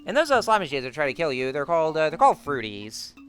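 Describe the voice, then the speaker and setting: A man's voice: on the high side, huge pitch swings, fast talker, fairly bright tone. A man giving casual, rambling game commentary full of fillers and restarts. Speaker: let's-play host.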